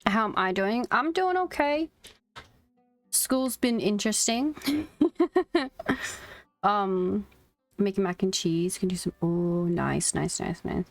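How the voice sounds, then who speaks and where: Faint game music sits behind a young woman streamer who chats casually and reacts in a playful, giggly way. Her mid-range voice moves slowly with frequent pauses, and the recording has no echo.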